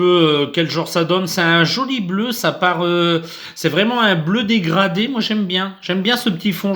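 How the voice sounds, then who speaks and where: A man with a fairly high voice chats his way through an unboxing video. He talks casually and hesitates often, with plenty of fillers and small restarts as he goes. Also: a bit bright. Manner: chatty, hesitant, many fillers. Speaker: unboxing channel host. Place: indoors under artificial light.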